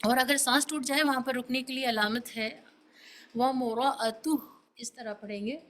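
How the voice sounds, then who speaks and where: A woman's voice: high-pitched, steady tone, fairly bright tone, poor audio. A woman teaching a beginners' tajweed class, patiently explaining letter sounds and mixing in English terms. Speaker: Quran recitation teacher.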